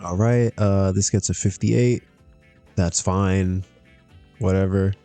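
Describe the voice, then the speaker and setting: A man's voice: low-pitched, fairly even intonation, takes it slowly, warm tone, smooth, soft background music. A man streaming a wrestling management game, chatting casually to himself, laughing often as he reacts to results. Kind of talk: casual gameplay commentary.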